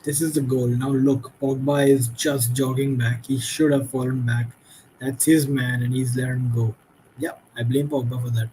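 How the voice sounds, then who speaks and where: A man's voice: mid-range voice, steady tone, moderate pace, mellow, slight background noise, rough recording. A tired man hosting a late-night football watchalong, giving frustrated, critical reactions to the game as it happens. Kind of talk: live match commentary and reaction.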